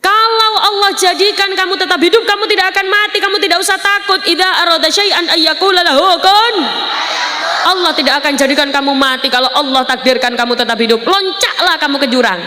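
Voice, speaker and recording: A woman's voice: very high voice, fairly quick, voice pushed up. A woman preacher voicing the devil as a male tempter who coaxes and urges in a preachy way. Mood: urging. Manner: coaxing, preachy persuasion. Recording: echoey hall with faint noise.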